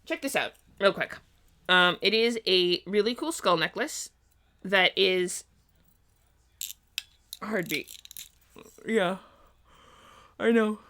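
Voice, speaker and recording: A woman chats on her live stream, rambling through her thoughts with frequent ums and uhs. Her voice is bright and clear, though she sounds worn out and sleepy. She talks casually and easily into a streaming mic. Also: medium pitch, takes it slowly, long pauses. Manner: rambling, many ums and uhs, thinking aloud. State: tired, sleepy.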